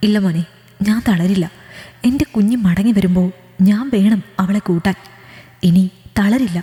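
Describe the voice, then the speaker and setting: A woman voicing a grieving older father who talks gently and quietly about his sick daughter. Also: mid-range voice, measured pace, lightly acted. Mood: resolute. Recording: echoey room with long reverb.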